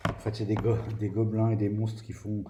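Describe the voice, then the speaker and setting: A fairly low, flat-sounding male voice moves at a fairly quick clip through a casual review of a tabletop game book aimed at viewers. He is hesitant, with lots of fillers and false starts. The room sounds echoey, with faint noise underneath.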